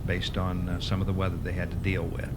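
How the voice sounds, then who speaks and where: A man's voice: sits low, monotone, a little fast, very noisy. A man working as a golf commentator, giving conversational, chatty analysis of play with some hesitation.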